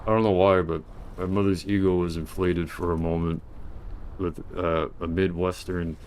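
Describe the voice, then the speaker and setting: A man with a fairly low voice talks casually on a live stream. He meanders, trails off and restarts his sentences as he thinks aloud, sometimes turning to address someone off camera. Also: little pitch movement, moderate pace, darkish tone, slight background noise. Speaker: livestreamer. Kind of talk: casual rambling livestream monologue.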